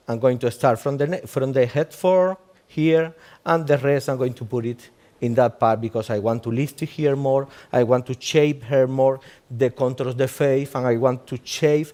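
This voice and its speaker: This Cuban man, a native Spanish speaker with a Cuban Spanish accent, demonstrates live as a doctor in halting English, asking "okay?" after nearly every step. His voice is mid-range with a darkish tone.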